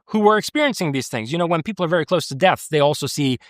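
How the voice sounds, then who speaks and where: Clean studio audio with no room sound captures an American man being interviewed in a conversational format. He speaks rapid-fire in a fairly high voice with lively intonation. He's earnest and emphatic, frequently starting his thoughts over.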